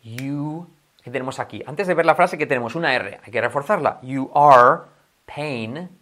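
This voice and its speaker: Male teacher, mid-pitched, drills English phrases slowly and patiently, video lesson. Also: a bit bright. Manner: switches between Spanish and English.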